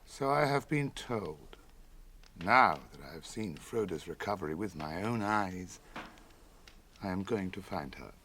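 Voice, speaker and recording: Strider, a low-voiced ranger. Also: male voice, lively intonation, unhurried, sharp tone, husky, exaggerated voice. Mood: grave, courteous. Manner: formal, grave, courteous. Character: grave, reserved wandering ranger man, courteous. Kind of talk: radio drama acting.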